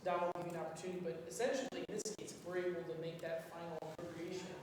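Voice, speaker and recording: A man chairing the committee items at a city council meeting, brisk, with a dry, joking manner. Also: fairly high pitch, flat delivery. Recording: echoey council chamber, distant mic, noisy.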